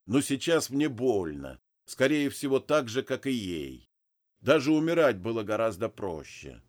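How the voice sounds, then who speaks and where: A man reading a first-person story aloud in a measured, restrained way. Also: mid-range voice, very animated. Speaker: audiobook narrator.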